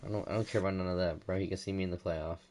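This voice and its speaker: A man's voice: low-pitched, steady tone, rapid-fire, darkish tone. A young man in casual gaming chat over a headset, laid-back and dismissive, calling his friends bro. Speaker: online league player.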